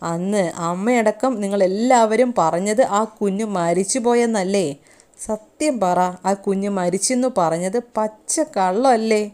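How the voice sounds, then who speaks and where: A woman's voice: medium pitch, a little slow, a little mellow, natural voice. A woman voicing a grieving, guilt-ridden middle-aged mother, reading her lines in a raised, tearful, pleading voice. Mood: pleading, accusing.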